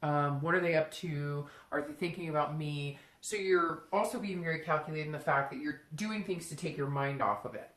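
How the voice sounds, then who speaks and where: A woman hosts a casual, unscripted tarot reading aimed straight at the listener, conversational and often slipping into imagined first-person quotes. Her voice is deep and fairly bright, at normal speed with few pauses. The room sound is roomy and echoing.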